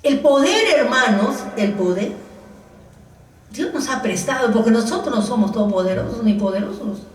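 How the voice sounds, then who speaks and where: A woman's voice: a little high, lively intonation, normal speed. An older woman preaching a sermon in a church, often calling her listeners brothers and laughing between points. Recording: echoey church room, voice from the mic's distance.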